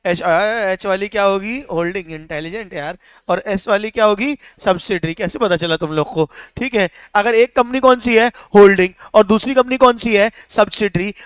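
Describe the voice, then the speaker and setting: A young man teaching a lecture, coaxing students with constant quick questions and mixing English terms into his speech. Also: high voice, clean tone, no echo. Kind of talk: classroom lecture.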